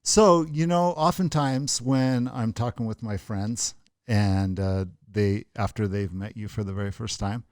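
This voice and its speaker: A man's voice: on the low side, a little slow, darkish tone, no echo. Joking man co-hosting a podcast, dry sound. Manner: joking, teasing, puts on silly voices. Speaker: podcast co-host. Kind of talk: casual chat.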